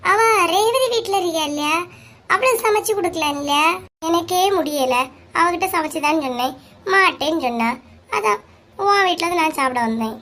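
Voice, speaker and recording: Cartoon comedy: woman playing squeaky, nagging village neighbor women, Kanyakumari Tamil accent, scolding banter. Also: lively intonation, moderate pace, a bit bright, exaggerated voice. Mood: bickering. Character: bickering, sharp-tongued village women neighbors.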